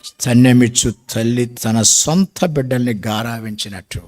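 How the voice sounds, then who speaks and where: An older man preaching a sermon, emphatic and rising to shouts at key points. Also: mid-range voice, normal speed.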